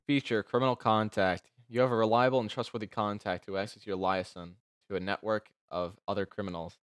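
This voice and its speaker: A man's voice: fairly low pitch, steady tone, smooth, dry recording, clean studio sound. A man hosting a casual podcast, joking and bantering with friends, reading game rules aloud now and then. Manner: joking, quick banter with laughs. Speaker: podcast host.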